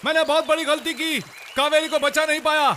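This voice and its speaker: A man's voice: very high-pitched, level tone, fairly quick, heavy background noise. An actor dubbing a stubborn, guilt-ridden young man who refuses to give in. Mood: guilty. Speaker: grieving son. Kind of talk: Hindi-dubbed film acting.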